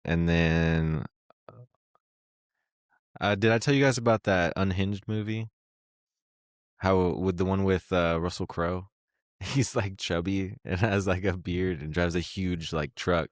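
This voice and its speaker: A man's voice: low-pitched, slow pace, pauses often, dry recording, studio quality. A young man hosting a podcast in casual chat, laid-back and laughing often, swearing freely as he retells stories. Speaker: podcast host.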